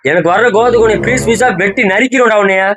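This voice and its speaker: A man's voice: sits high, racing, a crowd in the background, natural voice. Man playing a blustering hothead on the phone. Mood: blustering angry. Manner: shouting threats, blustering and exasperated. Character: hot-headed man hunting his kidnapped brother. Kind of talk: comedy skit acting.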